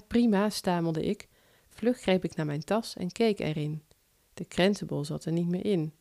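A woman author narrating her own first-person short story in a calm, measured reading voice. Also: lowish voice.

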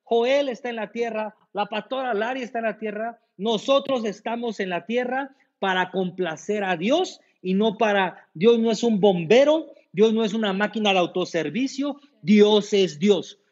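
A man's voice: high voice, measured pace, a little mellow, muffled recording. A man preaching a sermon as pastor, emphatic and repeating key lines to the congregation.

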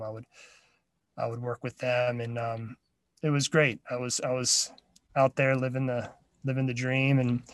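A man's voice: mid-range voice, dry recording, poor audio. A man in his thirties speaks as an interview guest, telling his story at an easy pace with plenty of fillers and restarts. His voice sits in an ordinary middle register, recorded close and dry with no room sound. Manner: relaxed storytelling with fillers and repeated words. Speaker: interview guest, drummer and drum teacher. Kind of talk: casual interview.

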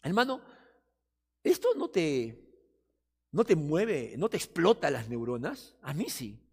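Man preaching a sermon, high voice that swoops around a lot, long church hall echo. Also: slow, gravelly, breathy edge. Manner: animated preaching, mimics doubters and busy churchgoers in quoted asides. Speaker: pastor.

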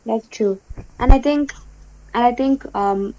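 Young woman from India, articulate co-host, slightly high voice, dull lo-fi recording. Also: unhurried, warm tone, a little hiss or hum. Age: young adult. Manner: articulate, repeats words when restarting. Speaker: podcast co-host. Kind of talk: casual discussion.

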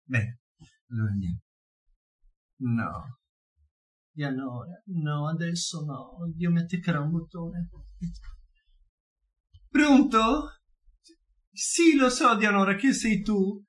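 A man's voice: fairly high pitch, slow, pauses often. An actor playing a snobbish, catty, elderly upper-class woman who gossips and swoops theatrically through a comic sketch monologue. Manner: gossipy, sharp-tongued, swooping.

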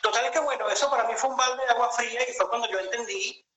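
A Venezuelan man in his late thirties speaks in a high, bright voice, thinking aloud and restarting his sentences. His video call sounds roomy and echoey, with a faint hiss behind him. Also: fast talker. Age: 30s. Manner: reflective storytelling, many hesitations and restarts. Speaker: interview guest. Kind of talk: conversational interview over a video call.

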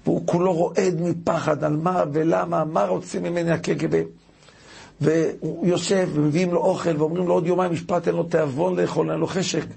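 Rabbi giving a sermon; gravelly, very husky, slightly high voice; dramatic storyteller. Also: male voice, steady tone, darkish tone. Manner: dramatic storyteller, rising pitch on key words.

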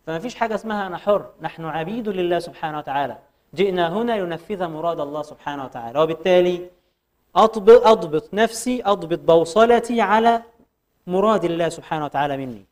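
A man with an Egyptian Arabic accent giving a religious lecture, firing rhetorical questions and reciting verses slowly. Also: high voice, expressive. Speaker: preacher.

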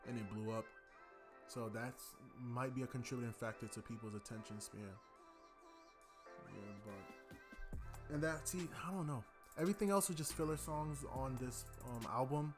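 In a casual music review, a young man hosting a podcast chats loosely about an album, rambling with many fillers. He talks over music at a normal speed in a mid-range voice.

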